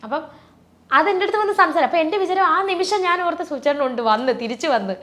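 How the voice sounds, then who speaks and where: A woman talking as an interview guest, rambling and restarting, her voice often sinking soft and low with emotion. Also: animated, fast. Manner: rambling, many restarts and fillers. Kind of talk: personal interview talk.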